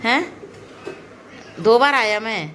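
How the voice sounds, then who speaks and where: A woman from Uttarakhand chatting casually at home for her vlog, talking in a lively, teasing way with the children around her. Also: on the high side, slow, a little hiss or hum, rough recording. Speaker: vlogger.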